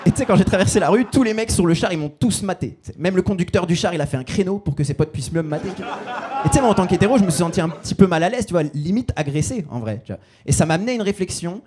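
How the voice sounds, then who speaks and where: A man's voice: sits high, expressive, racing, a crowd in the background. A man in his twenties performing a self-mocking stand-up set on stage, in a casual slangy way. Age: 20s. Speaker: stand-up comedian. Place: stage before a live audience.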